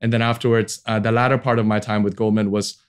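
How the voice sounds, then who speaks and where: Fast, clear and resonant, with a lowish pitch, the voice comes from a Hong Kong venture capital founder in his forties. He speaks casually in an interview, relaxed and easily amused, dotting his talk with fillers and restarts.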